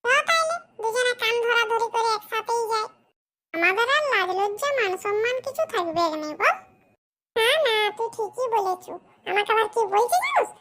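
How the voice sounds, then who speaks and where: Voicing a squeaky, mischievous poor village boy with a rural West Bengal accent, the performer uses a very high, animated, pushed and bright exaggerated voice at a normal pace. It's a comedy cartoon, and the cheeky kid banters in a brash, grumbling, colloquial way.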